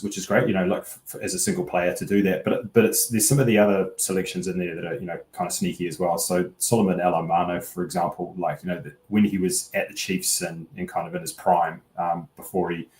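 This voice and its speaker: A man's voice: deep voice, darkish tone. A man giving casual sports analysis as a pundit, in a hesitant, rambling way that circles around each point. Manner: hesitant, rambling, hedging delivery. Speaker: rugby betting pundit. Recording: echoey room.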